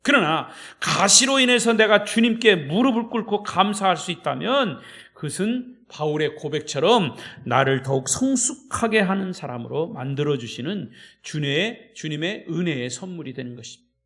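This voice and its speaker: A man's voice: a little high, expressive, moderate pace. Emphatic male pastor preaching. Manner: emphatic, swings between loud declarations and hushed storytelling. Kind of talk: sermon. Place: church.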